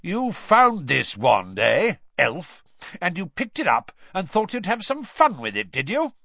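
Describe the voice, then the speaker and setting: A middle-aged male wizard official from a fantasy audiobook voiced by a narrator. He is hot-tempered and blustering, with a growly, hectoring delivery that swoops widely in pitch. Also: big pitch swings, moderate pace, dry recording, dull audio. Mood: menacing.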